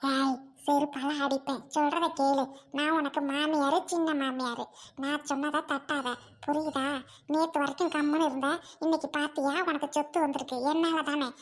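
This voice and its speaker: A woman's voice: sits high, little pitch movement, moderate pace, natural voice. A woman playing a bossy scolding aunt-in-law. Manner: scolding, commanding. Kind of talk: village family web drama.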